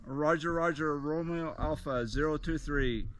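A man's voice: on the high side, a little slow. A man working a ham radio call from a summit, reading out call signs in phonetic alphabet and giving signal reports. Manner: crisp call-sign readouts and signal reports. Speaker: amateur radio summit activator. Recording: noisy outdoor recording.

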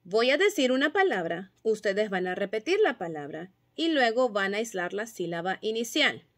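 A woman teacher patiently explaining phonics drills and sounding out syllables and letter sounds clearly. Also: mid-range voice, very animated, moderate pace. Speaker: kindergarten teacher.

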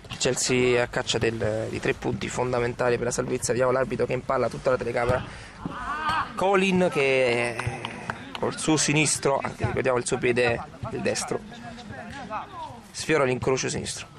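Guy doing excited italian goal commentary at a local five-a-side, drawn out shouts, outdoor camera sound w crowd noise. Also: mid-range voice, gravelly. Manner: exclaiming, drawn-out shouts on big plays. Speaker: amateur football match commentator. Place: outdoor floodlit five-a-side pitch at dusk. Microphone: handheld camera at the pitch side.

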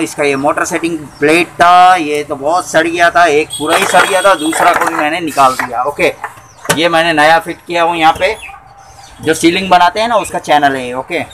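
Guy in his 30s talking thru a cooler repair, kinda high voice, clear noise behind him in the shop. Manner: chatty, explains step by step while working. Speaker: repair channel host. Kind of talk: casual how-to repair narration. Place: small cluttered repair workshop, indoors.

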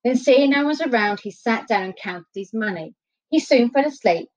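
A woman reading a children's fairy tale aloud, expressive and unhurried. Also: on the high side. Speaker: storyteller. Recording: dull lo-fi recording.

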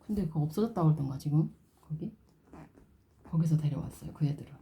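A woman's voice: low voice, animated, quick pace, gravelly, mellow. A middle-aged woman chatting casually in a vlog and cooing in doting baby talk to her baby dolls. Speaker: vlogger. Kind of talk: casual doll-play vlog.

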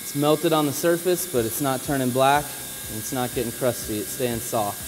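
A man who installs flooring, giving a casual on-the-job demonstration, relaxed and practical as he talks while working. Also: mid-range voice, moderate pace, background noise. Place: indoor work floor.

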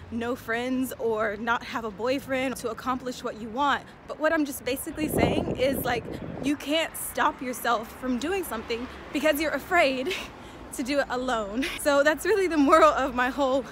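A young woman vlogging to camera, chatty and frank, out of breath as she walks through city streets. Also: high voice. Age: young adult. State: out of breath while walking. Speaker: vlogger and fashion student. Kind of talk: casual vlog talk to camera. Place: outdoors on busy city streets. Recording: loud street traffic noise.

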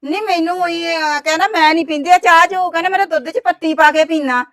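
A woman's voice: very high-pitched, fast, fairly bright tone. An actress playing a sly, meddling village woman who stirs up trouble, speaking. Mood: wheedling. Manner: wheedling, reports others' words. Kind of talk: village drama dialogue.

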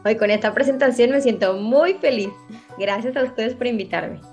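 A woman's voice: on the high side, normal speed, darkish tone, muffled recording, soft background music. A woman, a psychologist interviewed on a children's radio show, explaining patiently and checking in with her listeners. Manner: patient, explanatory, often asks the listener "¿verdad?". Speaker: psychologist guest.

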